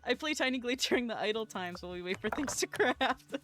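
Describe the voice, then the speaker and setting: A streamer chatting casually with viewers while playing, giggly and quick to apologize. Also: medium pitch, expressive, noisy background. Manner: chatty, giggly, self-deprecating, talks to chat while playing. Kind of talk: casual game-streaming chat.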